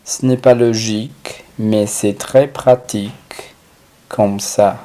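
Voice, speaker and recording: A man teaching French in a recorded lesson, slowly drilling and repeating each phrase. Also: on the low side, steady tone, mellow. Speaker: language teacher.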